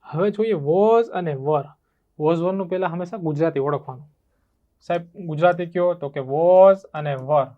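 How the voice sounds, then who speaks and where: A male teacher with a Gujarati accent and a high voice explains English grammar step by step. He keeps asking his students whether it is clear, and the recording sounds slightly dull and lo-fi. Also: measured pace. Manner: asks students rhetorical check questions. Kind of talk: spoken English lesson in Gujarati.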